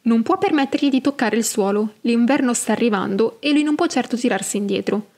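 A woman's voice: fairly high pitch, fairly quick, darkish tone. Woman explaining fantasy lore. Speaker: podcast host. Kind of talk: lore podcast narration with book readings.

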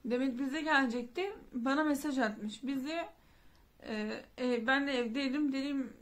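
A woman with a fairly high voice tells a personal family story straight to camera. She sounds grieving and rambles, doubling back with restarts and fillers as she talks. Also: normal speed. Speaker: vlogger.

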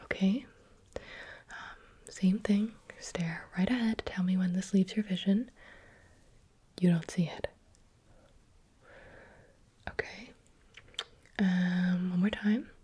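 A woman speaks almost entirely in a soft, unvoiced whisper, very breathy and airy. Her tone is dark and mellow, and she coaxes patiently like an examiner running simple tests. She sounds right up against the microphone, as if leaning in by the ear. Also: fairly low pitch, steady tone, slow pace, long pauses. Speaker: roleplay examiner giving eye and hearing tests. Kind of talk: ASMR roleplay. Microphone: close mic, leaning near the ear.

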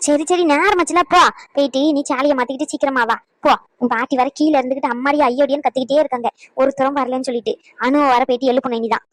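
A woman voicing a busy middle-aged mother in a cartoon, bossy and hurried. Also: sits high, steady tone, dry recording, natural voice, poor audio. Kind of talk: cartoon voice acting.

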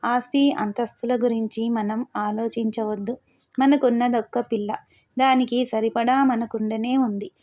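A woman reading as a gently insistent older mother. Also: fairly high pitch, steady tone, unhurried, lightly acted. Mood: pleading.

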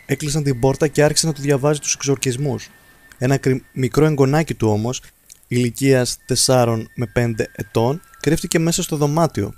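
A man reads religious stories from a book aloud, steady and earnest. His voice sits at an ordinary mid pitch. The reading stays measured and even. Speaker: narrator.

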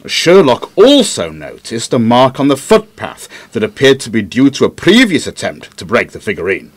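A man's voice: mid-range voice, huge pitch swings, normal speed, dry recording. A man playing a dry-witted doctor, a detective's sidekick guesting on a podcast in an audio drama. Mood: wry, explanatory. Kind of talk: conversational audio drama acting.

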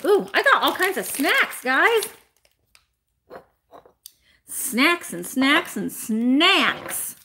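A woman, chatting bubbly and fast to live viewers from a small room at home. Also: sits high, very animated, pushed and bright, slight background noise. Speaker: vintage reseller host. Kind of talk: casual live-stream chat.

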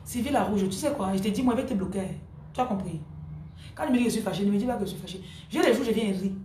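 A woman's voice: medium pitch, expressive, fast talker, dark tone, a little hiss or hum. Woman preaching emphatically in an echoey room. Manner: emphatic, repeats key phrases; answers viewer comments by name. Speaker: spiritual coach. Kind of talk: live-streamed spiritual teaching.

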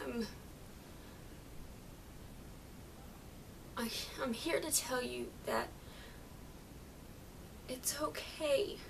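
A young woman acts out a melancholy, grieving daughter in a dramatic monologue. Her voice is high, tearful and very slow, halting between phrases. It is picked up from a little way off in a room with rumbly background noise. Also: vocal fry, far from the mic, heavily acted. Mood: melancholy, tender. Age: young adult. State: crying. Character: grieving adult daughter, melancholy, tenderly saying goodbye. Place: small plain room, indoors.

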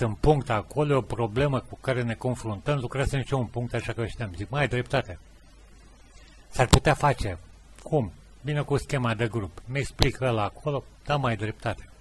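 A middle-aged man with a Romanian accent and a husky, slightly breathy voice spins rambling personal anecdotes. He slips into the other people's lines as he goes, in a casual, conversational monologue. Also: mid-range voice. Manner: rambling anecdotal, acts out dialogue. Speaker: podcast host.

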